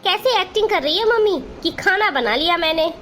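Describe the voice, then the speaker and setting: A woman's voice: extremely high pitch, expressive, a bit bright, slight background noise. A woman voicing a spoiled young sister-in-law in a Hindi cartoon, whiny and demanding. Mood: accusing. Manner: whiny, demanding, quick to accuse.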